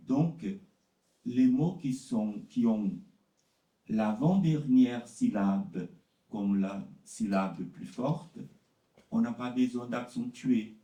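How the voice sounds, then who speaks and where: Slow, halting man. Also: lowish voice, warm tone, reverberant, recorded from a distance, poor audio. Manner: slow and halting, many repeated words and fillers. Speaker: literary translator presenting his work. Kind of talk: conference talk answering questions.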